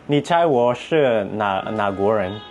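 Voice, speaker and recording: A man from northern India, a foreigner speaking halting, simple Mandarin with a foreign accent in casual chat. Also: lowish voice, animated, darkish tone, lo-fi sound. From northern India, near Myanmar. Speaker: YouTube vlogger. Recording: noisy ambient background.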